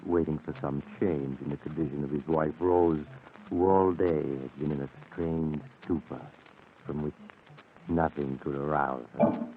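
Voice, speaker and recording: Very deep-voiced ominous radio storyteller. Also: male voice. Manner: measured, grave storytelling. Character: ominous male storyteller of eerie tales. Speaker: narrator. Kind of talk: 1940s radio drama narration. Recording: tinny old radio broadcast, faint hiss.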